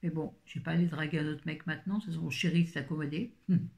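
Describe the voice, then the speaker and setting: A woman's voice: deep voice, steady tone, brisk, gravelly, dark tone. A woman in her fifties chatting casually through a grocery haul, rambling with self-mocking asides. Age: 50s. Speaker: vlogger.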